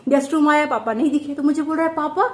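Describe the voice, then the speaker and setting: A young mother with a high, slightly mellow voice talks rapid-fire in a casual family vlog filmed indoors at home. She chats easily with viewers, then slips into playful baby talk with her toddler.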